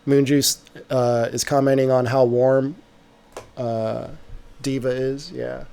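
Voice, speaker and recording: A man hosting a casual livestream, answering viewer questions about music software in a relaxed way, trailing off with fillers. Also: medium pitch, slow, gravelly, clean tone. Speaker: music producer streamer.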